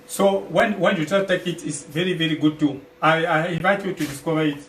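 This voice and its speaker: A guest presenter from Cameroon, partnered in selling health products, makes a relaxed livestream pitch in a Cameroonian accent, pausing, repeating, and rewording phrases several times. He has a fairly high, slightly bright voice. The livestream audio is distant, noisy, and full of echo.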